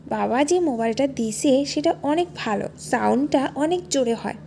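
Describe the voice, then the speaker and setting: A sweet, naive young wife with a playful, coaxing manner, as a woman narrator puts her on. Her voice sits a little high and sounds innocent. She comes across as a storybook character in a romantic audio story. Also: animated, normal speed, creaky, dark tone, slight background noise. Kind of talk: storybook dialogue.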